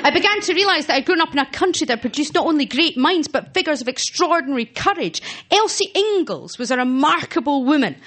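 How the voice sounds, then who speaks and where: A Scottish woman doing stand-up, her high voice leaping up and down as she tells her stories. She teases herself and laughs along with her own jokes, with a faint crowd laughing behind her. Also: big pitch swings, fast, few pauses, a bit bright. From Scotland. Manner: self-mocking, laughing at her own punchlines. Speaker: stand-up comedian. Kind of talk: stand-up comedy set. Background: audience laughter.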